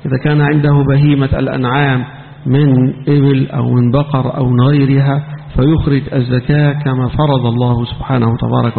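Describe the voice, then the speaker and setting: A rapid-talking Egyptian sheikh with a gravelly edge teaches scripture commentary, jumping from formal preaching into sharp everyday rebukes. His voice comes through a tinny, phone-like recording with a long hall echo and faint hiss behind it. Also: mid-range voice. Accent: Egyptian Arabic. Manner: switches from formal preaching to scolding colloquial asides. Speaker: sheikh giving Quran commentary. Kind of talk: mosque lesson on scripture.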